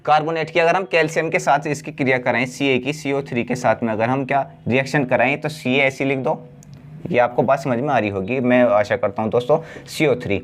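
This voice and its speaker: Man teaching chemistry, drawn-out answers. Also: mid-range voice. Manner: asks the class questions and answers himself, stretching key words. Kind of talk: blackboard lesson.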